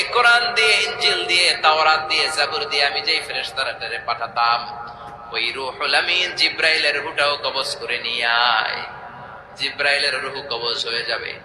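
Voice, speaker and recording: A man preaching a dramatic sermon, swinging from hushed tones to shouts and chanting verses. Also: fairly high pitch, normal speed, music in the background. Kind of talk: dramatic Bengali sermon storytelling. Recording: echoey hall with noise.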